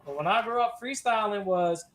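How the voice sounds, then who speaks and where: A man co-hosting a podcast, telling stories in animated, slangy casual chat and swearing freely. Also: high-pitched, normal speed.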